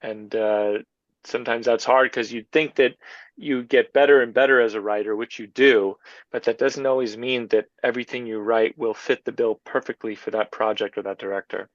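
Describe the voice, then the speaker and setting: A man who works as a film composer, answering interview questions in an easygoing, halting way with many fillers. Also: mid-range voice, steady tone, no echo, lo-fi sound.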